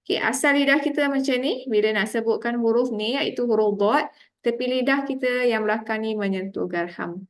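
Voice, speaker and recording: A woman with a Malaysian Malay accent teaching Quranic pronunciation, patiently demonstrating each letter sound slowly. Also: a little high. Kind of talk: tajwid pronunciation lesson.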